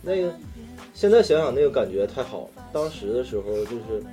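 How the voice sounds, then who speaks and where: Mellow Northeastern Chinese man telling stories. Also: mid-range voice, very animated, fairly quick, faint music behind. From Daqing, northeastern China. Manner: earthy, slangy, swearing. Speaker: talk show storyteller among friends. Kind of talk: casual chat, personal anecdotes.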